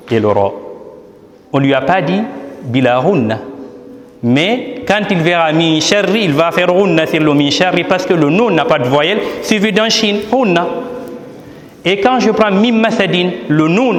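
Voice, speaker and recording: A man's voice: sits high, a little hiss or hum. A man, an imam, presenting his book as a teaching talk, explaining step by step and asking and answering his own questions. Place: large hall at a ceremony. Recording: echoey hall with long reverb.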